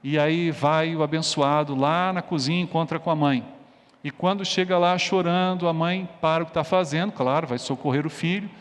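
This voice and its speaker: A man's voice: on the high side, steady tone, moderate pace. A male pastor preaching a sermon, telling an illustration and then explaining it emphatically. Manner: emphatic, explanatory, rising on exhortations. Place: church. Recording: long church reverb.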